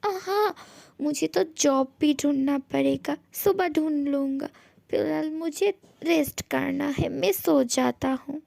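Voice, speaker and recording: A woman's voice: sits high, a little slow, creaky, darkish tone, dry recording, full character voice. A woman voicing a brash young man who has just rented a room and scolds the stranger he finds there, in a fan audio story. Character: young man, new tenant, brash and jumpy.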